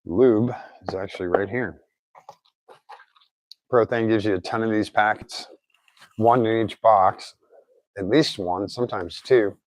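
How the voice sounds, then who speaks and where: A man's voice: fairly low pitch, a little slow, pauses often, no echo. A man giving a casual hands-on repair tutorial, thinking aloud as he works, his articulation slightly off after recent oral surgery. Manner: informal, thinking aloud while working. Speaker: DIY car repair presenter.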